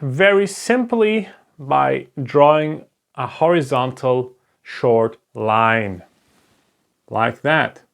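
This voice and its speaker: Speaking very slowly in a creaky, mid-range voice, this man teaches Hebrew at a board. He is a native German speaker with a German accent, and his lesson is slow and explanatory, patient and step by step, punctuated by "right?"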